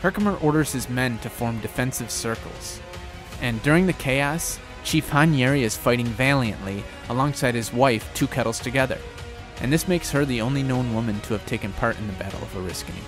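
A man's voice: medium pitch, brisk, over music. A man hosting a history channel, narrating a battle in a casual, conversational storytelling way.

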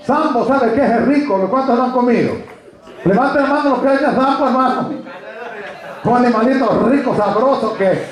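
A man's voice: very high-pitched, normal speed. A man preaching a sermon as pastor, speaking with emphasis and calling out to the congregation. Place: church hall. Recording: very echoey church hall.

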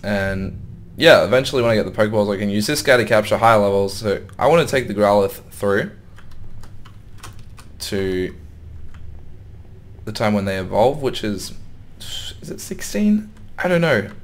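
This gaming YouTuber is a young man whose slightly sore, lowish voice comes across animated at a moderate pace, broken by long pauses. He thinks aloud casually while playing, commenting on the game and muttering his wonderings to himself.

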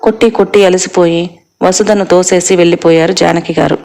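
Narrating a scripted story at a slightly quick pace, this steady teller has a creaky voice in the middle register. The pitch barely moves between lines, keeping everything very flat.

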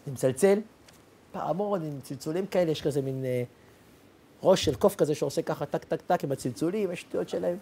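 A man's voice: a little high, background noise. A man, a rabbi, telling a personal story in a sermon, acting out the dialogue and adding sound effects.

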